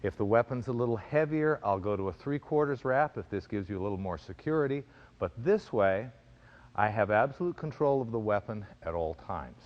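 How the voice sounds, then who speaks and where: Low-voiced man teaching with crisp fencing commands. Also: expressive, dull audio. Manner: measured explanation with crisp, clipped fencing commands. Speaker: fencing and self-defense instructor. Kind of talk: instructional demonstration.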